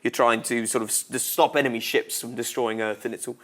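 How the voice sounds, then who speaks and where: A man's voice: mid-range voice, a little fast. A man presenting a television gaming show, casual and lightly joking as he reads out news and releases. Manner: relaxed, lightly joking delivery.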